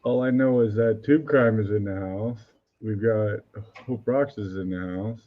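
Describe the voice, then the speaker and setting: A man's voice: lowish voice, measured pace, phone-quality sound. A man on a video call, bantering and teasing casually on a livestream panel and reading out chat questions.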